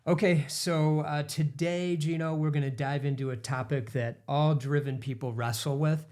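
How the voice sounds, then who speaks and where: A middle-aged man co-hosting a podcast, introducing the episode's topic in an earnest, smooth presenter tone. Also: fairly high pitch, steady tone, moderate pace, a little mellow. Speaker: podcast co-host.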